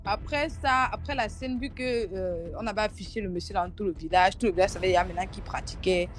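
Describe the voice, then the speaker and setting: A woman telling a short story in a casual, halting way. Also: medium pitch. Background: faint tense background music.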